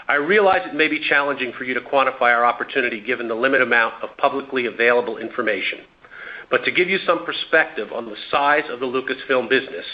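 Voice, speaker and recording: A man, a company executive, reading prepared remarks in a formal, measured way, heard over a conference call speakerphone line. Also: medium pitch. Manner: formal and measured, with occasional restarts. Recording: dull lo-fi conference call audio.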